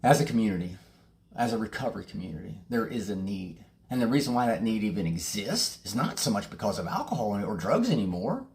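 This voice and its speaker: Impassioned recovery talker, lively pitch. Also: a little fast. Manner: passionate and blunt, swears freely; rambling with repeated restarts. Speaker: recovery meeting host. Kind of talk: candid recovery talk to camera.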